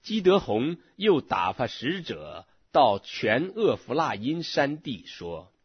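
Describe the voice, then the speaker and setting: A man reading scripture aloud in a slow, measured way, from a dull lo-fi recording. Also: mid-range voice, big pitch swings, breathy edge, dry recording. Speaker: scripture reader.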